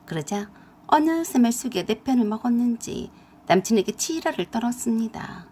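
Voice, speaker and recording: A young woman tells a family story in a blunt, confiding way. Her husky voice sits fairly high and moves a lot. The delivery is lively throughout. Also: moderate pace. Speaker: narrator. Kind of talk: storytelling narration.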